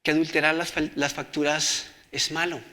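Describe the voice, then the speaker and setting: Bright-voiced preacher. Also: male voice, fairly high pitch, little pitch movement, moderate pace. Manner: reads scripture aloud and asks the congregation questions. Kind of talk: sermon.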